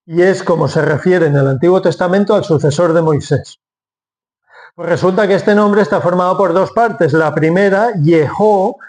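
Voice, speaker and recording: A man's voice: sits high, a little mellow. A man preaching a sermon from Spain, explaining step by step and asking then answering his own questions.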